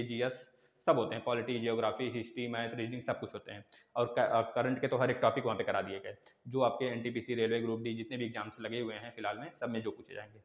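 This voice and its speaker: A man teaching grammar in an online exam-prep lesson, repeating sounds aloud and asking and answering his own questions. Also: medium pitch. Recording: echoey room with long reverb.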